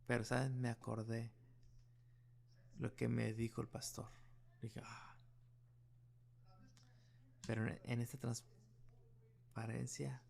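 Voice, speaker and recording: A man's voice: mid-range voice, creaky, husky. A middle-aged male pastor preaching a sermon, telling a personal story in an earnest way.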